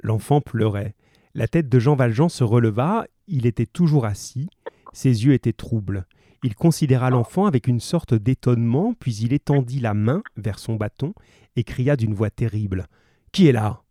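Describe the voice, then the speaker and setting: A man's voice: mid-range voice, lively intonation, normal speed, mellow, dry recording, studio quality. A male teacher reading a novel aloud, then leading a remote class in a chatty way, with hesitations and self-corrections.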